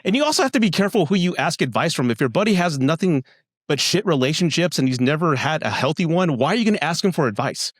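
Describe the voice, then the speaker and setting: A man's voice: a little high, very animated, fast talker, no echo, studio quality. A man hosting a podcast in casual chat, giving frank, profane advice in a teasing way.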